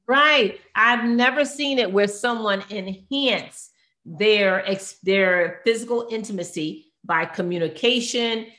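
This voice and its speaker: A woman's voice: medium pitch, takes it slowly, bright, forceful tone. A woman speaking as a therapist in an earnest, conversational way, often searching for words and correcting herself mid-sentence. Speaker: therapist guest. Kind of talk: conversational expert talk. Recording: roomy echo.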